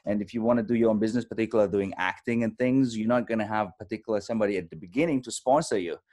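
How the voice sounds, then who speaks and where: A German man in his thirties, a native speaker and actor appearing as a guest, gives a thoughtful, halting interview full of fillers over a video call. His voice is lowish with a darkish tone.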